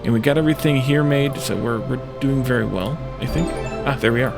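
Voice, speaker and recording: Game music plays as a man offers casual commentary on his let's play, talking a little fast in a gravelly, mid-range voice. He thinks aloud and muses to himself in short snippets.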